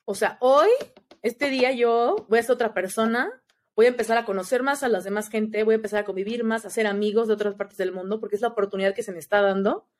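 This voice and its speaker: Fast and high-pitched, this young Mexican woman chats away as a podcast guest in a Mexican accent. The conversation is casual, and she leans on "¿sabes?" as a frequent filler.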